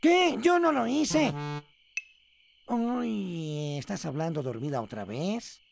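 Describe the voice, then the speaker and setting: A woman voicing an excitable, easily annoyed cartoon duck who grumbles and exclaims. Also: medium pitch, unhurried, creaky, slight background noise. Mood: exasperated. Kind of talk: cartoon voice acting.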